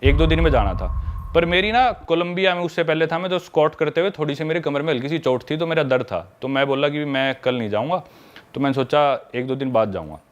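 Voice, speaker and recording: A man's voice: a little high, fast, muffled recording. A man telling a travel story in casual podcast chat, mixing English words into his Hindi.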